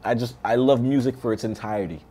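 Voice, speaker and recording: A man, a singer guest in a casual interview, relaxed and switching often between French and English. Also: mid-range voice, brisk, a little hiss or hum.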